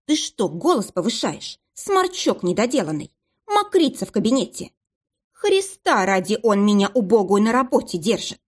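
A woman reading aloud and voicing a sharp-tongued, defiant young female office worker with a scornful, cutting manner. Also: mid-range voice, big pitch swings, normal speed. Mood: scornful tirade.

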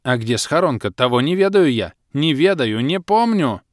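A man's voice: mid-range voice, big pitch swings, normal speed, dry recording, studio quality, natural voice. A man voicing a dazed old-fashioned fisherman who chants half-remembered visions in a dreamy sing-song.

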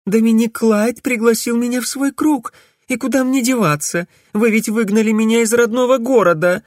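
A man putting on a shrill sly young witch. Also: steady tone, normal speed, no echo, clean studio sound. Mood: sulky. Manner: pleading, coy and sulky by turns.

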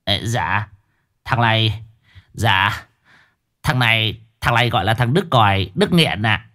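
A man's voice: fairly low pitch, lively intonation, unhurried, bright, forceful tone. A man voicing a brutal, sneering henchman who hisses his threats through cruel laughs. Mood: sneering cruelty.

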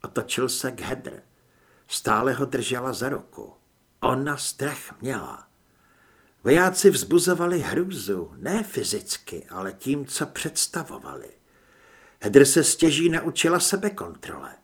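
A man narrating an audiobook with steady, dramatic storytelling. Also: mid-range voice, husky. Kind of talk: scripted narration.

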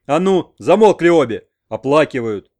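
Gruff, stubborn old grandfather, voiced by a male reader, growling orders. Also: a little high, animated, moderate pace, darkish tone, lightly acted. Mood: roaring.

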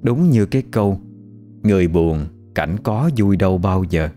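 A man narrating a scripted ghost story in an expressive storytelling manner. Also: low voice, normal speed, soft background music.

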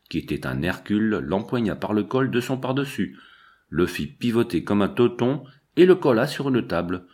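A man reading a novel aloud in a measured, storytelling way. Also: fairly low pitch, a little mellow, husky. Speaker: audiobook narrator. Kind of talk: scripted narration.

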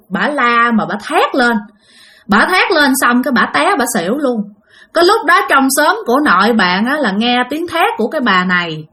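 A woman's voice: on the high side, a bit bright. A woman with a Southern Vietnamese accent telling a ghost story in a chatty way, often talking straight to her listeners. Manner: chatty, addresses listeners directly. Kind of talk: spoken ghost-story narration.

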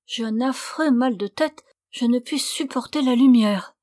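A treacherous young maidservant pretends to be sick, her voice pitched high and whining, as a woman puts her on. She pleads and insists in a plaintive tone. The storybook recording sounds dry and close. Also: measured pace, a little mellow, no room sound, natural voice. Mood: feigned sickly. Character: scheming young maidservant feigning sickness.

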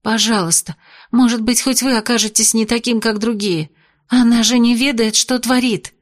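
A woman's voice: a little high, steady tone, moderate pace, pitched above the performer's own voice, natural voice. A woman voicing a frightened red-haired girl pleading for help.

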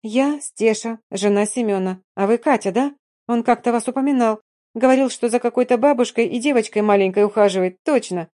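A woman's voice: on the high side, mellow, lightly acted. A woman voicing a chatty, pushy young wife who rattles on in an audiobook. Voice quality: rapid chatter.

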